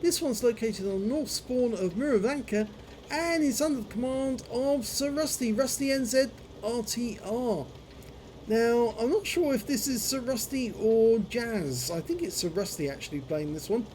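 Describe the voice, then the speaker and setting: A man's voice: extremely high pitch, moderate pace, a little mellow, slight background noise, rough recording. A man commentating on a video game, his speech slurred and clumsy from a numb, frozen jaw. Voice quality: slurred, numb-jawed speech from dental infection.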